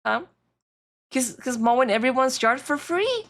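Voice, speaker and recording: A woman's voice: sits high, big pitch swings, measured pace, fairly bright tone, a little hiss or hum. A woman streamer giving casual live reaction commentary in a cute, playful anime-streamer manner.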